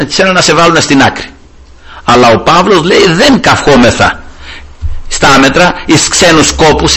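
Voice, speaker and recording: Animated preacher with a lively voice. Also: male voice, on the high side, husky. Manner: animated retelling, often calling out to the brethren. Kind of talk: sermon.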